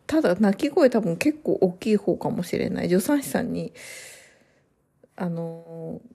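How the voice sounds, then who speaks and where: A woman, a new mother, chatting casually to her viewers in soft, rambling sentences full of fillers and pauses. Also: on the low side, lively intonation, creaky, husky. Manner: trails off in long run-on sentences. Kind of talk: casual chat to camera.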